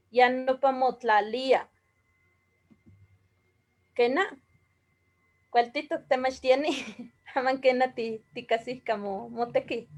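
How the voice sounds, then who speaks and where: Woman teacher, high voice, unhurried, breaks words into single sounds for the class. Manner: slow, deliberate, spelling out sounds one by one. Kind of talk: explaining a writing system.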